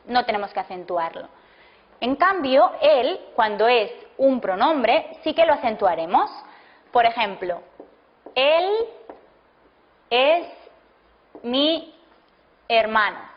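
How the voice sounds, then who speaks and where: A woman teaching a language lesson, explaining rules slowly and dictating example sentences word by word. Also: on the high side, very animated. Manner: slow, deliberate, breaks sentences into single words. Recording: dull lo-fi classroom video audio.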